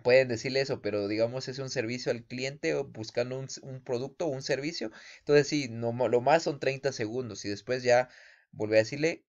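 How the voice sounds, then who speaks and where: A man's voice: medium pitch, brisk, darkish tone. Man teaching in a dull, muffled recording. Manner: addresses listeners directly, frequent "¿sí?" check-ins and hesitant "eh" fillers. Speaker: instructor. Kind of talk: casual spoken lesson.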